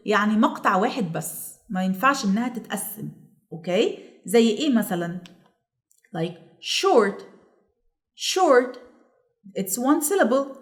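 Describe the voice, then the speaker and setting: A woman with an Egyptian Arabic accent teaches English grammar to children, pronouncing the English examples slowly and drawn out and checking in with "okay?" again and again. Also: on the high side. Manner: slow stretched-out English examples. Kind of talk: classroom lesson.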